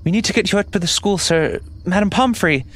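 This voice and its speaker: A man's voice: sits high, a little fast, fairly bright tone. A man voicing an anxious, reassuring teenage schoolboy in a dramatic reading from a fantasy novel. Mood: urgent.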